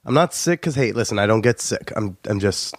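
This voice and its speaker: A young American man with a stuffy nose from a cold hosts a podcast intro, joking and chatting with lots of "uh"s. His lowish voice is expressive and a little fast, captured as studio-quality audio with no echo.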